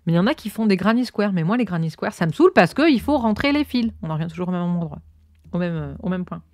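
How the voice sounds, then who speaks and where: Animated and fast, a low-voiced woman with a darkish tone rambles through her podcast while crocheting, full of fillers. She speaks with a Cantal, Auvergne French accent, and her own close microphone gives a clean studio sound with no echo.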